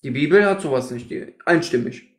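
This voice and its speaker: A man's voice: fairly high pitch, lively intonation, fairly quick. Combative man ranting in an echoey room. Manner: combative, scolding, repeats accusations. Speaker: livestream host. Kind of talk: heated religious debate livestream.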